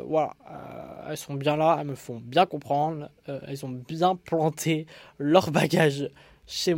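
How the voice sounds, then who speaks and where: A man's voice: on the high side, darkish tone, no room sound. A young man hosting a solo podcast, rambling and hesitant with many fillers and restarts. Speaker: podcast host.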